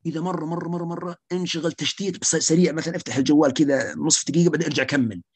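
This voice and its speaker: A man's voice: on the high side, racing, a little mellow, breathy edge, no room sound. A man giving a slide lecture on social anxiety as a psychiatrist, emphatic and repeating key points.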